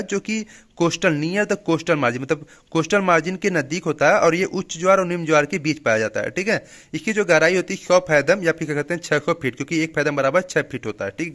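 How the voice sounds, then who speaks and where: Man, teacher, mid-high voice, repetitive explanations, casual lecture. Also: a bit bright. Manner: explains each term twice, frequent "theek hai" check-ins. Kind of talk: Hindi classroom lecture mixed with English terms.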